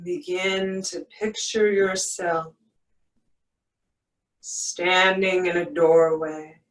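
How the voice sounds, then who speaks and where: A soothing yoga-teacher voice leading a guided meditation at an extremely slow pace, with long pauses between phrases. The pitch sits in a middle range, and the sound is roomy and set back from the microphone. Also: level tone, fairly bright tone. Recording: echoey room, distant from mic.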